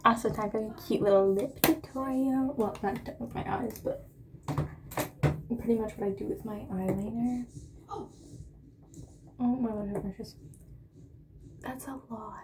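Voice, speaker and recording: A woman's voice: fairly high pitch, measured pace, pauses often, background noise. A woman vlogger chatting casually through a storytime while doing her makeup. She exclaims often and keeps slipping into whispers.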